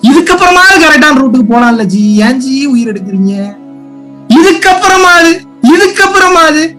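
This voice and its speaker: A man from India with a strikingly high voice, teaching spirituality in an impassioned online talk. He pleads and fires rhetorical questions, swinging from quiet asides to loud appeals. Faint music sits behind him.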